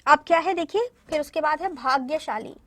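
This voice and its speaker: A woman's voice: high-pitched, moderate pace, sharp tone. A woman teaching a primary school language lesson, patiently explaining step by step to young children and checking often that they follow. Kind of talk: recorded classroom lesson addressing children.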